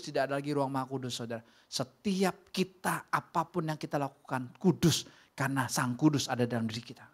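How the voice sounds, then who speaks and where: Animated preacher. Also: male voice, a little high. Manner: animated preaching, swinging from loud calls to soft near-whispers. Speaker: pastor. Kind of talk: sermon. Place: church sanctuary.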